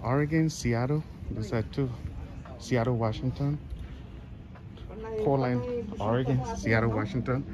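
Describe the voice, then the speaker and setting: A man's voice: medium pitch, fairly even intonation, a little slow, pauses often, muffled recording, a crowd in the background. A middle-aged man narrating a casual walking vlog in a rambling, repetitive way into a handheld phone. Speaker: travel vlogger. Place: large indoor airport terminal. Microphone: phone held at arm's length. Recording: noisy airport terminal ambience. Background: clear terminal ambience noise.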